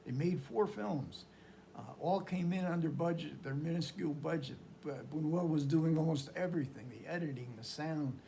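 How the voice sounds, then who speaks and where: Man giving a halting informal film talk. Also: a little high, creaky, dark tone, slight background noise. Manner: halting, searching delivery with repeated phrases. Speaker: film lecturer. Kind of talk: informal film talk recounting history and plot.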